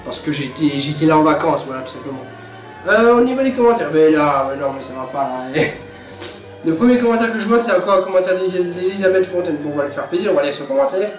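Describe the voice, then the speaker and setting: Chatty high-voiced young man, echoey room. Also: expressive, fast, faint music behind. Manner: chatty, jokey, repeats words. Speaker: YouTuber reviewing his own videos. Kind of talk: casual vlog chat.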